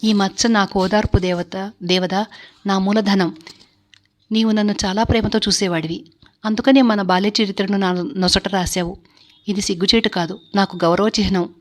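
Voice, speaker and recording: A quiet, heartbroken young wife who holds back her tears and speaks softly and hesitantly, as a woman narrator voices her. Her words are restrained and sorrowful, in a spoken storybook. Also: medium pitch, fairly even intonation, moderate pace, natural voice. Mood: tender grief. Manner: soft, grieving, hesitant.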